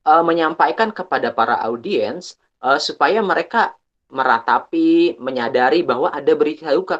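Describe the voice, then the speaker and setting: Young male webinar speaker, casual and halting, dull lo-fi call audio. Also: a little high. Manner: chatty, restarts often, pauses with fillers. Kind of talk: casual online workshop talk.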